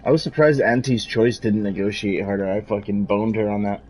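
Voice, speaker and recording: A man's voice: lowish voice, steady tone, fairly quick, a little mellow, husky. A man casually commenting while he plays a game, joking and swearing as he rambles. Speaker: gameplay streamer.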